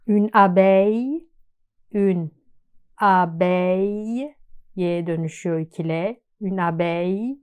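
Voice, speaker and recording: A woman's voice: lowish voice, dark tone, clear, resonant tone. A woman teaching a pronunciation lesson, patiently repeating each example word several times. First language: Turkish. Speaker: French teacher. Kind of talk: slow step-by-step language lesson.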